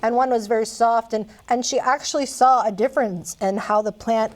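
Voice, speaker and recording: A woman's voice: on the high side, fairly even intonation, fairly quick. A woman hosting a show in a casual, chatty way, often repeating words and restarting as she talks. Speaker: show host.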